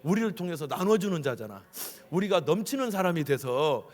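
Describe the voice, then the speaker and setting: A middle-aged man delivers a revival sermon in a husky, slightly high voice. His pitch swings widely as he preaches and acts out quoted voices. The long reverb of a church sanctuary hangs behind every phrase. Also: sing-song, brisk. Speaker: guest preacher.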